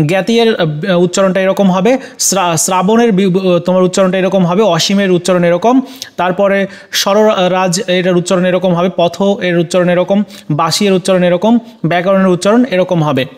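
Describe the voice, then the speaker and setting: A man with a Bangladeshi Bengali accent walks students through exam answers, talking to them directly and filling pauses with frequent "ah"s and quick self-corrections. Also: high-pitched. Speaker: teacher. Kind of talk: exam solution walkthrough.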